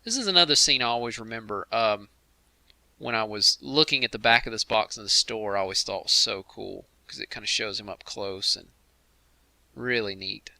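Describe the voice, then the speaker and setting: Gravelly, bright-voiced chatty man. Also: lowish voice, moderate pace, dry recording. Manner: chatty, laughs easily, addresses the chat room. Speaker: host of a game commentary stream. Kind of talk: casual livestream commentary.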